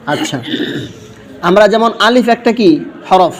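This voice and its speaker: A man teaching Quran reading, sounding out Arabic syllables and pausing for students to finish his sentences. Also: high-pitched, expressive. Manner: asks questions and leaves the last word for students to finish.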